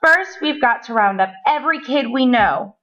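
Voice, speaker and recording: A woman's voice: a little high, animated, normal speed, natural voice. A woman voicing a cheeky, clever young boy in an eager storybook voice, on a dull lo-fi recording.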